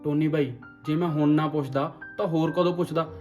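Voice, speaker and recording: A man's voice: a little high, fairly even intonation, brisk, a little mellow, natural voice. A man playing a cheeky younger brother who teases his elder brother and sister-in-law, heard from a distance in a roomy room with music. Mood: teasing. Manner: teasing, cheeky. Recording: roomy film audio, distant mic, music.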